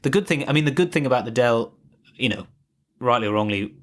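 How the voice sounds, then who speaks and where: A man's voice: medium pitch, animated, quick pace, fairly bright tone. A man co-hosting a podcast, talking casually and rambling with many restarts and fillers. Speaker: podcast co-host. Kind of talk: casual tech chat.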